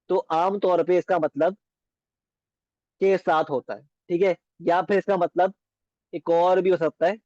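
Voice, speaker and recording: A man teaching beginner Arabic in a patient lesson, repeating words slowly and often asking if it is clear. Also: fairly high pitch, a little mellow, dry recording, dull audio.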